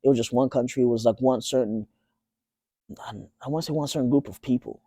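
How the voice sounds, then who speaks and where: A man in his twenties, born in Tanzania, speaking as an interview guest in a relaxed, halting way with many fillers and restarts. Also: medium pitch, no room sound, clean studio sound. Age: 20s. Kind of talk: casual interview.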